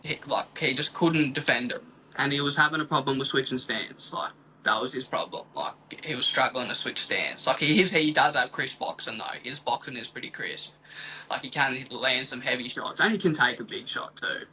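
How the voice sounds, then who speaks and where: Very bright-voiced young Australian man, noisy recording. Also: medium pitch, moderate pace. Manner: slangy, loosely rambling. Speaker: fight prediction podcast co-host. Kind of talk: casual sports chat.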